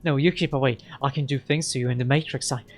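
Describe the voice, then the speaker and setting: A man's voice: medium pitch, fairly even intonation, quick pace, close to an everyday voice. A man voicing a whiny, defensive hacker guy. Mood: pleading.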